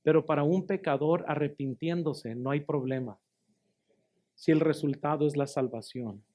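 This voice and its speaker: A man's voice: a little high, normal speed, dark tone. A man, a pastor giving his testimony in a sermon, telling it emphatically and repeating phrases for stress. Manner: emphatic storytelling, addresses listeners as brothers.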